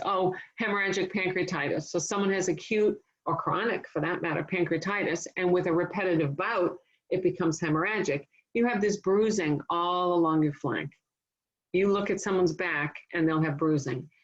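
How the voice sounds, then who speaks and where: A woman's voice: lowish voice, dull audio. A woman nursing instructor giving a casual, conversational classroom lecture, explaining with everyday analogies and stories.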